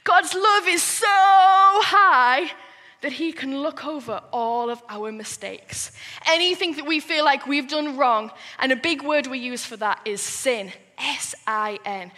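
A woman giving a lively, playful sermon to children in church. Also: high voice, measured pace, big-room sound. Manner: lively, animated, playful with the kids.

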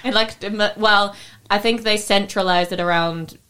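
A woman's voice: medium pitch, steady tone, normal speed, pushed and bright, clear, resonant tone. A young woman co-hosting a podcast, chatting in a casual, tipsy way, swearing lightly and laughing easily. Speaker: podcast co-host. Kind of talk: casual chat.

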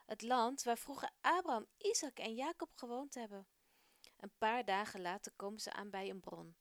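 A woman's voice: on the high side, moderate pace, no echo. Woman reading a children's story. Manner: gentle, expressive read-aloud. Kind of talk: storybook narration.

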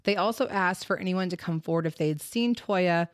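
A woman's voice: on the low side, brisk, dry recording, clean studio sound. A woman hosting a casual true-crime podcast, reading case details and stumbling now and then over place names. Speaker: podcast host.

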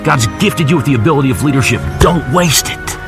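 A man's voice: medium pitch, expressive, fast, natural voice. An actor playing a demanding football coach who pushes his player with short, repeated commands on an outdoor field. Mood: earnest. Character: demanding, relentless male high school football coach. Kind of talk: film drama acting. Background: film score music.

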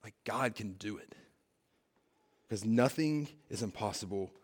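A man preaching a sermon in a conversational way, building to emphatic peaks and dropping to quiet, stressed lines. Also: lowish voice, expressive, a little slow, slightly rough. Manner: conversational preaching with fillers and paraphrased dialogue. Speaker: pastor.

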